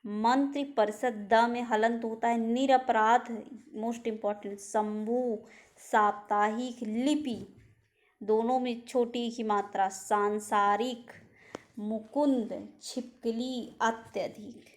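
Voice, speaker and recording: A woman teacher going slowly through word lists in an exam-prep lesson, pointing out common spelling mistakes. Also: on the high side, fairly even intonation. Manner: slow, reads out word lists and corrects common misspellings.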